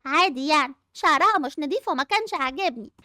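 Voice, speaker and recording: A young female voice playing a spiteful, jealous schoolgirl who cheats. She speaks with an Egyptian Arabic accent and a mocking, sneering manner in a dubbed animated game movie. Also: high-pitched, quick pace, no room sound, clean studio sound, voice pushed down, heavily acted.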